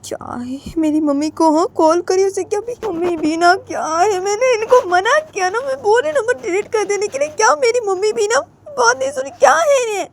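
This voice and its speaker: A woman voicing a young daughter who keeps pleading with her mother in a high, strained voice. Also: lively intonation, fairly quick, mellow. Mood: tearful frustration. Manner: pleading, repeats "mummy".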